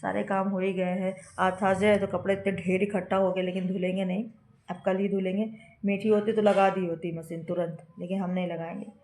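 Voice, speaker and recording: A woman chats casually at home in a vlog while she is unwell with a fever. She tells her story at length and keeps breaking into laughter. Her voice sits at an ordinary middle pitch in a roomy, echoey room. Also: level tone, fairly quick, a little mellow, a little hiss or hum. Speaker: vlogger, mother.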